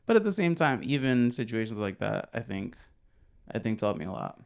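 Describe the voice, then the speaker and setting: A man's voice: fairly low pitch, big pitch swings, brisk, vocal fry, darkish tone, lo-fi sound. A young man co-hosting a podcast, talking in a rambling, hesitant way with many fillers. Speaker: podcast co-host. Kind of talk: casual conversation.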